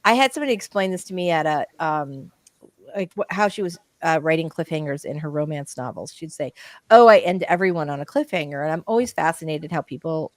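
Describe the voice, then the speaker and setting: A woman's voice: deep voice, a little fast, dry recording. Chatty woman reading viewer comments. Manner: chatty, reads viewer comments aloud, many restarts. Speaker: livestream co-host. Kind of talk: casual live-stream chat.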